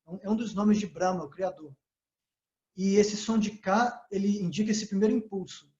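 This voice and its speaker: Guy teaching, calm, kinda high voice, echoey dull recording. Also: normal speed. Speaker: yoga teacher. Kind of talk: spiritual talk. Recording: echoey, slightly dull sound.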